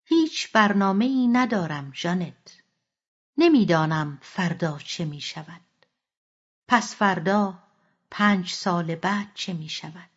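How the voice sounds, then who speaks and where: A woman voicing a middle-aged mother who speaks softly and reflectively, in a slightly dull recording. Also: fairly low pitch, expressive, husky. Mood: wistful.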